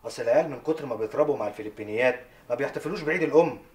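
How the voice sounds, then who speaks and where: A man's voice: mid-range voice, rapid-fire, natural voice. An actor playing a brash, comic young man who wants to be a singer, with an Egyptian accent. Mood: joking. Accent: Egyptian Arabic. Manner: jokey, teasing, bursts into loud off-key singing. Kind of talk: television drama acting.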